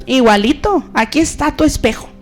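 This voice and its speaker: A woman pastor preaching a sermon in an animated, conversational way, acting out stories. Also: sits high, moderate pace, faint music behind.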